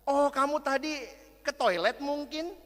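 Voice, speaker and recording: A man's voice: extremely high pitch, measured pace, fairly bright tone, voice pushed up. A man voicing a puzzled, coaxing school teacher who questions a crying pupil, in a raised, insistent voice. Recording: long hall reverb.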